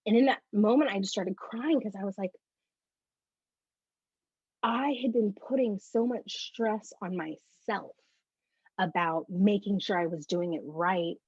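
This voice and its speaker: A woman guest on a faith interview, sharing a personal testimony in a bubbly, animated storytelling way. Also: medium pitch, a little slow, pauses often, slightly rough, dry recording. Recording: dull, slightly lo-fi recording.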